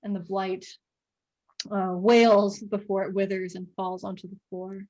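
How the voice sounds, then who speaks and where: A woman's voice: medium pitch, flat delivery, a little slow, a little mellow. Casual woman running a tabletop game. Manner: casual, laughs often, swears. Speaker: game master.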